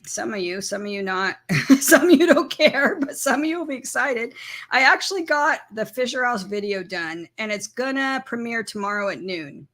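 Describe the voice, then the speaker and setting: A woman's voice: on the high side, animated, moderate pace, a bit bright. Chatty, giggly woman hosting a livestream. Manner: giggly, chatty, laughs often. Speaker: livestream co-host. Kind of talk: casual livestream chat. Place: van.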